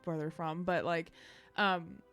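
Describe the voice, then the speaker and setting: A woman's voice: lowish voice, level tone, slow pace, a bit bright, soft background music. A woman narrating as game master in a tabletop game, chatty and loosely improvised, with plenty of fillers.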